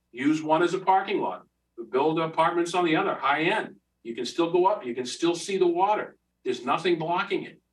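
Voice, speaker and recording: A man speaking out against a project at a local planning board meeting, heated and repetitive, stumbling through restarts and fillers. His voice sits a little high for a man. He is picked up from some distance off the mic in a meeting room. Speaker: public commenter at a planning board hearing. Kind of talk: public comment at a town meeting.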